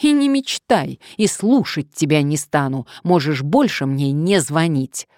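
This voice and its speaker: A furious sharp-tongued young woman, read by a narrator. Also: deep voice, lively intonation, moderate pace, no echo, studio quality. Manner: fiery, scornful retorts. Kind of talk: audiobook character reading.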